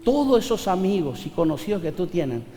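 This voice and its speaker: Man, pastor's sermon, high-pitched, long church reverb. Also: big pitch swings, a little fast. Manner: swings between soft asides and loud, high preaching. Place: church hall. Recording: reverberant church hall with faint music.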